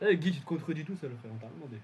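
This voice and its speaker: Young man, higher voice, rapid argumentative delivery, insistent and repetitive in casual debate. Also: expressive, darkish tone, breathy edge. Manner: argumentative, insistent, repeats himself.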